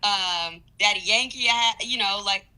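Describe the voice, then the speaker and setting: A woman's voice: mid-range voice, moderate pace, sharp tone, clean tone, poor audio. A woman in her thirties, a DJ, chatting casually over a phone on speakerphone, loose and searching for words. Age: 30s. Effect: heard over a phone on speakerphone. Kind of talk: casual chat.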